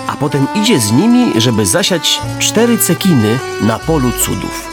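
A man's voice: medium pitch, very animated, moderate pace, over music. A man reading a children's storybook aloud expressively, speaking to the listeners directly. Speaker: narrator.

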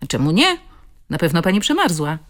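A woman's voice: fairly low pitch, sing-song, a little fast, a bit bright. A woman voicing a weary but friendly middle-aged man in an audiobook, speaking in a hearty, coaxing way.

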